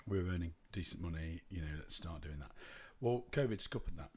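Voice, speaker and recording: Husky, low-voiced man chatting. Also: expressive, a little fast, darkish tone. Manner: rambling, self-interrupting, jokey. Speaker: podcast co-host. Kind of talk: casual chat.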